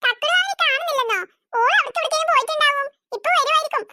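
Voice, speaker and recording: A cheerful young cartoon bride, voiced by one performer, chatty and teasing. The voice is very high and bright, with a dry close sound. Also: racing, dry recording, full character voice. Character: kind young bride, cheerful adult woman. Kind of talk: Malayalam cartoon voice acting.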